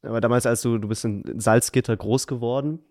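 A man's voice: medium pitch, fairly even intonation, a little fast, darkish tone, no echo, studio quality. A man hosting an interview, asking his guest friendly questions in a casual tone. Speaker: interviewer host.

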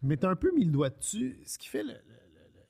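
A man hosts a podcast in easygoing conversation. His voice sits a little high for a man. He adds comments and steers the talk. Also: sing-song, a little fast, gravelly, a little mellow, breathy edge. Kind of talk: casual chat.

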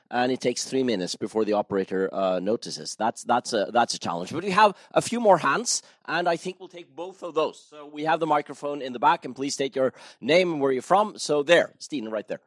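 A man moderating a panel seminar, polite and brisk as he takes audience questions. His voice sits at a middle pitch, recorded close and dry with no room sound. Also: no room sound.

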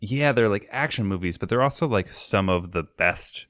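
A man's voice: lowish voice, lively intonation, normal speed, fairly bright tone, no room sound, clean studio sound. A male co-host chiming in with loose, enthusiastic chat full of fillers. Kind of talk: casual chat.

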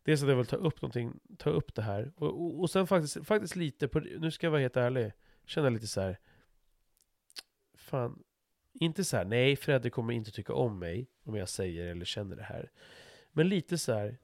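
A man's voice: mid-range voice, expressive, darkish tone, no room sound, studio quality. A middle-aged man talking frankly in a casual conversation, swearing freely and restarting his sentences as he thinks aloud.

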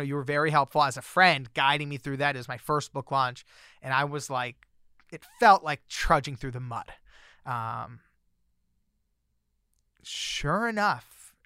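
A man's voice: on the high side, unhurried, long pauses, clean tone, no room sound, clean studio sound. A man telling a personal story as a guest author, in a casual chatty way with lots of fillers. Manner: chatty, many fillers, grows excited when recounting surprises.

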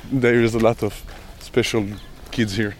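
A man working with kids, talking casually outdoors in halting, non-native English with many fillers. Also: medium pitch, little pitch movement, a little hiss or hum. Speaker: youth worker. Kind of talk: casual interview. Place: outdoors in a neighbourhood.

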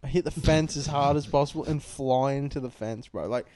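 A man's voice: medium pitch, brisk, crowd noise. A young man, co-hosting a podcast from a home lounge room and telling crude, rambling anecdotes full of swearing. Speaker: podcast co-host. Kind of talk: casual storytelling chat.

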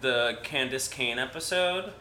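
A man co-hosting a podcast, teasing and joking in a casual, animated chat. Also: medium pitch, a little slow, echoey room, slight background noise. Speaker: podcast co-host.

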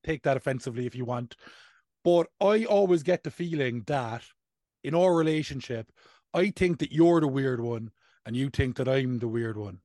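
A man's voice: mid-range voice, moderate pace, dark tone, no room sound, studio quality. A man in his thirties with an Irish accent, hosting a casual comedic podcast in a playful, self-mocking way. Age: 30s. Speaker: podcast host.

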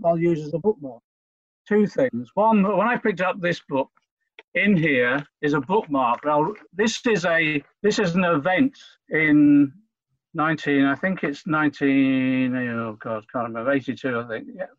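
A man from Liverpool, talking in a halting, earnest way as an interview guest, often repeating himself. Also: on the high side, no room sound, muffled recording. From Liverpool, England. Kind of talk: conversational interview.

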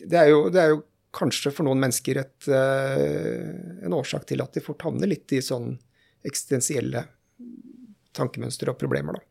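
A Norwegian man who works as a general practitioner talks in a relaxed podcast conversation, thoughtful and hesitant, with many fillers. His voice is medium-pitched, with vocal fry.

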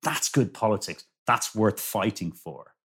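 Low-voiced man, emphatic and halting. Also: expressive, fairly bright tone, breathy edge. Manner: emphatic, repeats phrases, halting self-interruptions. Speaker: guest author. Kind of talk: conversational discussion.

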